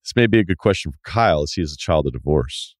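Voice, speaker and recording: A man's voice: very deep voice, animated, fast talker, dry recording, studio quality. A man hosting a sports podcast, chatting casually and reading out listener emails.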